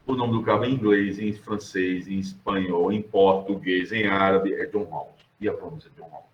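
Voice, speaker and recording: A man's voice: deep voice, fairly even intonation, normal speed. A middle-aged Brazilian man teaching a class, talking in a digressive, conversational way and putting questions to his students. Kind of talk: classroom lecture. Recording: roomy, dull classroom sound.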